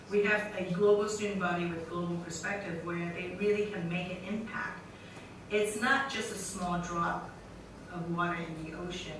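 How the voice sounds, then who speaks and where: A woman speaking for the school gives a measured, upbeat welcome address. Her voice booms through a very reverberant hall, picked up from far away. Steady room noise runs underneath. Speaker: school representative. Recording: very echoey hall, distant mic, noisy.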